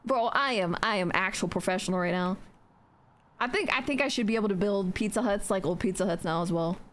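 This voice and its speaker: Fairly quick and fairly bright, this young woman's mid-range voice fills a casual livestream as she builds in a game. She's chatty and joking, talks to herself and swears freely.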